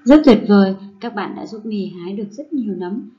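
A woman primary school teacher giving a recorded lesson to first graders, reading rhymes and words aloud slowly and clearly. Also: mid-range voice, expressive, warm tone, dull audio.

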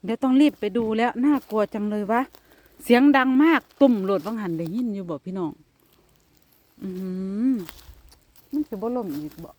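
A woman with an Isan accent talking casually to her viewers while walking outdoors in a forest, now and then calling loudly to her cats. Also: medium pitch, expressive, normal speed, pauses often, dry recording. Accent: Isan (Northeastern Thai). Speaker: vlogger.

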